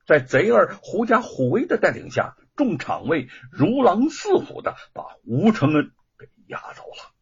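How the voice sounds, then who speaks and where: Male storyteller, husky breathy voice, very lively pitch, dull lo-fi sound. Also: measured pace, few pauses. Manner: expressive storytelling with swooping pitch. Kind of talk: dramatic novel narration. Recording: dull lo-fi recording.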